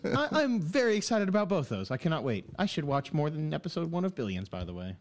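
A man's voice: fairly high pitch, big pitch swings, fast. Wisecracking man on a podcast. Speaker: podcast co-host. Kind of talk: casual group chat.

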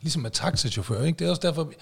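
A man's voice: fairly high pitch, expressive, creaky, slightly rough. A middle-aged man co-hosting a casual chat podcast, telling stories in a laid-back way with easy laughs. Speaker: podcast co-host.

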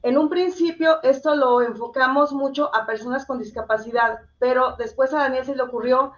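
High-pitched woman explaining, slightly dull recording. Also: normal speed. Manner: explanatory, addresses the host directly. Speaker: interview guest and campaigner. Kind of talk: conversational explanation to a host.

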